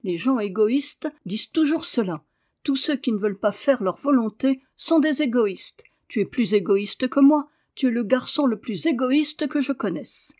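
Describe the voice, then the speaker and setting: A woman's voice: on the high side, lively intonation, moderate pace, voice pushed up. Woman voicing a fierce, stubborn little girl. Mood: angry defiant. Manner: loud, cutting retorts. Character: stubborn, fierce, sharp-tongued young girl.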